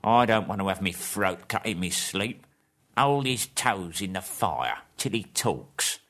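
A nasty, suspicious troll , as a man puts him on snarls out threats in rough dialect. The voice is fairly low and swings widely in pitch. It belongs to a read-aloud fairy tale. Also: animated, measured pace, fairly bright tone, heavily acted. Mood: menacing. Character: mean, suspicious male troll.

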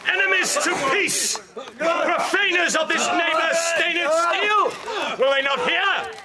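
A man's voice: very high-pitched, expressive, takes it slowly, shouting, over a noisy crowd, heavy background noise, exaggerated voice. An actor playing a stern, commanding male prince who proclaims his judgment in Shakespearean stage acting.

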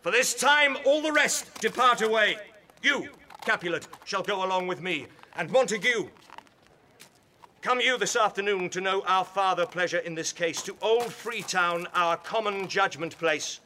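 A man's voice: high-pitched, moderate pace, pushed and bright, a little hiss or hum. An actor playing a stern, commanding male prince who proclaims his judgment in Shakespearean stage acting.

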